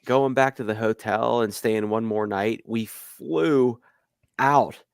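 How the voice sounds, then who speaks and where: A man co-hosting a sports podcast, telling a story in animated casual chat with plenty of swearing. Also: mid-range voice, slow, creaky, clean tone, no room sound, clean studio sound. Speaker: podcast co-host.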